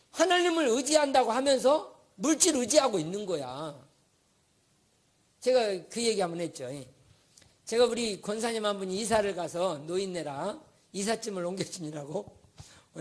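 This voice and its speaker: A male pastor preaching a sermon, telling a story with lively questions to the congregation. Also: high voice.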